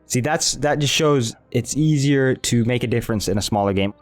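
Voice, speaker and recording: A man's voice: mid-range voice, normal speed, faint music behind. A man casually commenting over his own gameplay footage as a channel host, rambling with many restarts.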